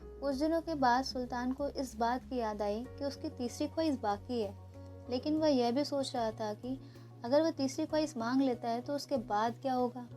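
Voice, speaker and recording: A woman storyteller narrating a storybook tale in a steady, expressive manner. Her voice is mellow and a little high. A faint music bed plays under her reading. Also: normal speed.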